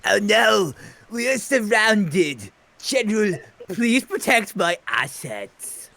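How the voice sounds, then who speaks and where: A haughty, salty noblewoman with a high, gravelly, fussy voice, as a man plays her. She speaks slowly and primly. It is an amateur fan reading. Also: very animated, bright, forceful tone, no echo, heavily acted.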